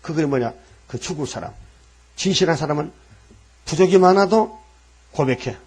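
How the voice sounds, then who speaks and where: A man's voice: a little high, expressive, normal speed, darkish tone, husky. A man preaching a sermon in a colloquial style, asking the listeners rhetorical questions and acting out the voices in the scripture. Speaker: pastor.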